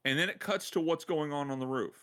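A man hosting a podcast, excitedly retelling a game side quest in casual chat and laughing as he goes. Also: a little high, a little fast, smooth. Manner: excited, laughing storyteller who acts out quotes. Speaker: podcast host.

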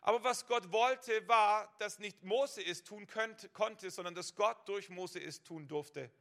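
A male preacher with a high voice, a gravelly edge and a sharp, forceful tone. He delivers a sermon in direct address and stacks one rhetorical question on the next. He often restarts a phrase by doubling its first word. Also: measured pace. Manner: stacks rhetorical "what if" questions, repeats words when starting.

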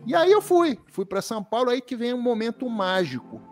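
A Brazilian man in his fifties, an interview guest telling a lively story and acting out what people said. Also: extremely high pitch, fairly quick, soft background music. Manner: lively storyteller, acts out quoted dialogue. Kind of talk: storytelling anecdote.

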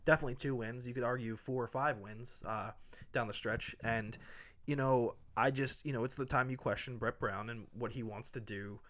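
An American man hosts a relaxed-format sports talk with friends. His voice is medium in pitch with a bright, forward edge. The phrasing is casual and opinionated. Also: moderate pace. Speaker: sports podcast host.

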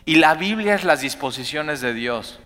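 Animated preacher in a reverberant hall. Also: male voice, a little high, normal speed. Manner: animated, rising to emphatic bursts then dropping to quiet asides. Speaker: pastor. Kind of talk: sermon.

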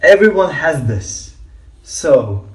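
A man's voice: a little high, sing-song, takes it slowly. Man in an echoing bathroom. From Latvia. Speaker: podcast guest. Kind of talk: casual, joking podcast chat. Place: bathtub in a small bathroom. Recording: echoing bathroom, somewhat distant from mic.

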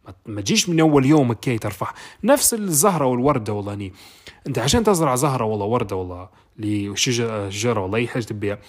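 Man, libyan arabic accent, quick pace, husky voice, casual motivational talk. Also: mid-range voice, expressive. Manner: explains with everyday examples, talks it through. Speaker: motivational talker.

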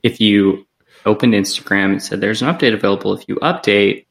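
Man, podcast co-host, a little low and gravelly, chatty with lots of fillers, echoey room sound. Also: steady tone, a little fast, a bit bright. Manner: loose and rambling, many "like" and "um" fillers. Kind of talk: casual tech podcast chat. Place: small attic meeting room in a co-working space.

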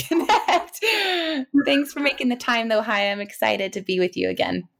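A woman's voice: mid-range voice, brisk, vocal fry, a bit bright. A woman talking as an interview guest in a casual, reflective and effusive way. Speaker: interview guest, departing marketing director.

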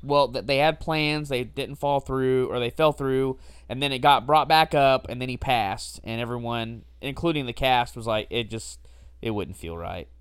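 A man chatting casually on a podcast, wry and quick to cut in with a laugh. His voice is exceptionally smooth and resonant. The recording is dry and close, with no room sound. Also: medium pitch, no room sound. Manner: wry, interjecting, laughs often. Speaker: podcast co-host. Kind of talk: casual chat.

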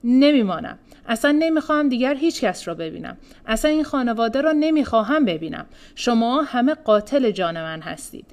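A woman reading the part of an upset, self-pitying middle-aged man who shouts his complaints. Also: fairly high pitch, very animated. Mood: aggrieved. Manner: whiny shouting.

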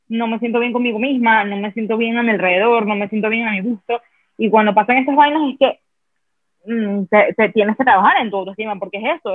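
A woman's voice: on the high side, dry recording. Frank woman, phone-like podcast sound. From Venezuela. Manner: frank, rambling, full of fillers. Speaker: podcast host. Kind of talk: casual podcast chat.

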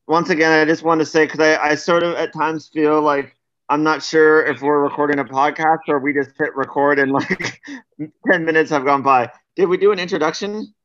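A man's voice: on the high side, fairly even intonation, moderate pace, a bit bright. A man co-hosting a casual podcast, talking loosely and rambling. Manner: loose, rambling, with restarts and laughs. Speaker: podcast co-host. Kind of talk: casual chat. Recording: dull lo-fi sound.

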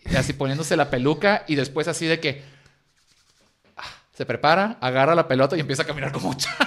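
A young man with a Mexican accent, chatting sarcastically and deadpan as a podcast co-host. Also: a little high, fast talker. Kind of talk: casual chat.

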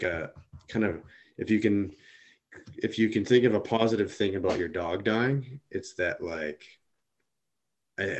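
Very low-pitched man, casual podcast co-host; halting, filler-heavy delivery. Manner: halting, thinks aloud with many fillers. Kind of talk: casual chat.

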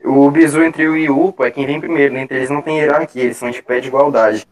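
A man's voice: medium pitch, steady tone, slight background noise. A man, a member of a study group, talking in a slangy way. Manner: quick, slangy. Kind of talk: casual group call chat.

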